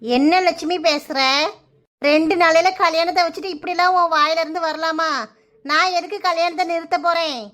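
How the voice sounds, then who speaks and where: A woman's voice: extremely high pitch, steady tone, moderate pace, a bit bright. A woman voicing a kindly older village woman in a cartoon, reassuring in a Kanyakumari Tamil accent. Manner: soothing, reassuring.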